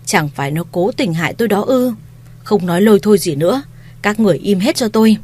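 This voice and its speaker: A woman's voice: on the low side, lively intonation, fast talker, breathy edge. A woman reading a story, voicing a stern elderly matriarch who harshly commands her family. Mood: angry.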